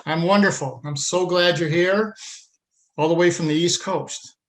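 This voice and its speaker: A man's voice: a little high, a little slow, a bit bright. A man hosting a podcast, reading an earnest scripted introduction and then interviewing a guest over a remote link. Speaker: podcast host.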